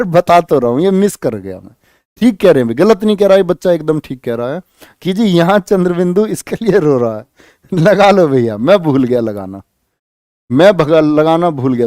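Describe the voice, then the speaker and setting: Brief: male tutor, higher-pitched voice, dry close recording, quizzes the class and repeats himself. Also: no echo. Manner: lively, repeats questions and prods students to answer. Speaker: Hindi grammar teacher for police exam students. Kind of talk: live online exam-prep class.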